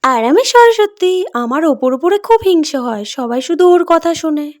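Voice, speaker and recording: A woman's voice: sits high, animated, normal speed. Woman doing a jealous, sulky doll girl. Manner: petulant and bossy.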